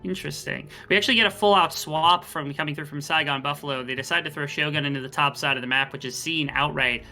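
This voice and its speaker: A fast-talking esports caster with a bright, forceful voice and middling pitch. The delivery is live game commentary, conversational and analytical, running through long explanations. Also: soft background music.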